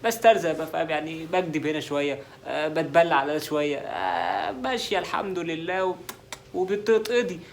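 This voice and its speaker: A man playing a boastful Egyptian lawyer who jokes and lies his way through every case. His voice is high and his patter quick, in a comedy sketch. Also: expressive, a little hiss or hum. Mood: bragging. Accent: Egyptian Arabic. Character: boastful lying Egyptian lawyer, middle-aged man, joking. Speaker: con-artist lawyer named Adel.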